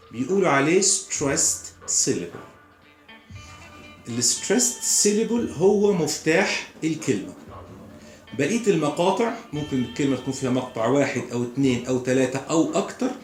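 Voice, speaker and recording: A man with an Egyptian Arabic accent teaching English pronunciation, explaining slowly and repeating example words. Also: a little high, roomy sound. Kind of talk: recorded lesson.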